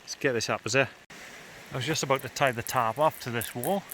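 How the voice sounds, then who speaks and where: Casting: British male camping vlogger, colloquial and unscripted, mid-pitched voice, outdoor recording with background noise. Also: brisk, a bit bright. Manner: informal, colloquial, off-the-cuff. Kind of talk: casual outdoor vlog chat. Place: outdoors in farmland and woods. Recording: clearly noisy outdoor field recording.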